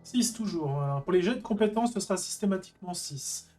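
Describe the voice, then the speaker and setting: Game master for a tabletop session, halting delivery, mid pitch, faint music underneath. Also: lively intonation, darkish tone. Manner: hesitant, frequent filler sounds.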